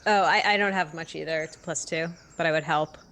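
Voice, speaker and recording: A woman with a somewhat low voice, taking part in a tabletop game. She narrates what her character does in the third person, in a chatty, casual way. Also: fairly even intonation, a little fast, a bit bright. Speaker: player.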